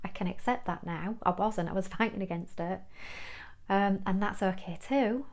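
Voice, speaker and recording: A woman's voice: mid-range voice, moderate pace. A woman, a kinesiology teacher, talking earnestly and reflectively about inner healing. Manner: earnest, reflective, with soft laughs. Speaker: kinesiology teacher and spiritual guide. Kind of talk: reflective spiritual talk.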